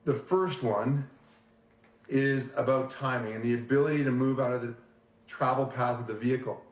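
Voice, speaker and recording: A man testifying as an expert witness in a courtroom recording, giving short, measured answers. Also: medium pitch, steady tone. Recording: echoey dull courtroom audio.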